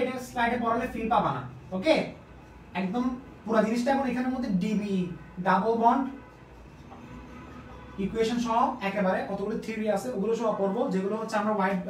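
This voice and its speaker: A man tutoring chemistry in a casual online lecture. He keeps asking questions and answering them himself. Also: high-pitched. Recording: echoey room, distant mic, faint noise.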